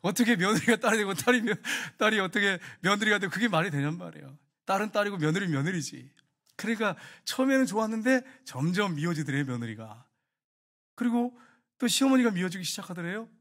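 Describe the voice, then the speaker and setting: A male pastor with a Gyeongsang accent preaching a sermon. He tells a story full of rhetorical questions and swings from hushed asides to emphatic declarations. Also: sits high, lively intonation, fast. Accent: Gyeongsang Korean. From Gyeongsang region, Korea.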